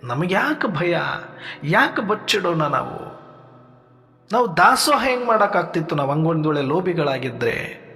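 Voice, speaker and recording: A man giving a sermon in a measured teaching manner, asking rhetorical questions and listing points for his listeners. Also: high-pitched, sing-song, sharp tone. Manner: rhetorical questions, lists, addresses listeners as brothers. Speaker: spiritual speaker. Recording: long hall reverb with faint music.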